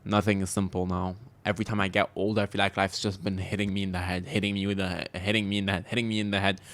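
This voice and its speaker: A man's voice: low-pitched, flat delivery, very fast, a bit bright, dry recording. A young man hosting a solo podcast, talking in a rambling, self-deprecating, confessional way with frequent laughs. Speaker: podcast host.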